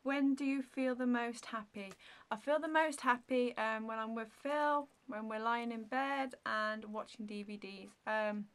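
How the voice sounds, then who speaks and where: A woman's voice: on the high side, a little slow, hardly any pauses, a bit bright. A woman in her thirties chatting casually to the camera in a Q&A vlog, answering viewer questions in a rambling way, full of ums and likes. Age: 30s. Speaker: beauty vlogger.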